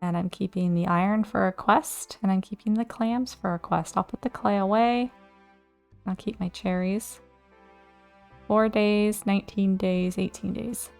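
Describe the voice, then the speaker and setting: A woman talks through her gameplay in a loose, chatty way, thinking out loud and getting excited at surprises. Her pitch sits in the middle range. Soft music plays faintly behind her. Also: unhurried, gravelly. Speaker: let's play host. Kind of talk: casual gameplay commentary.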